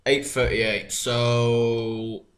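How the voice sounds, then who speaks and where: A man's voice: medium pitch, little pitch movement, drawn-out words. A young man co-hosting a podcast, teasing and blunt, swearing freely in casual chat. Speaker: podcast co-host. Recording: echoey room.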